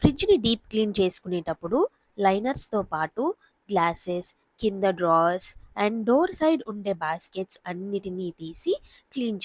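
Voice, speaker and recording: Woman, 30s, home vlogger; calm how-to voice-over, dry close sound. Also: mid-range voice, dry recording. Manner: calm, explanatory. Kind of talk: instructional voice-over.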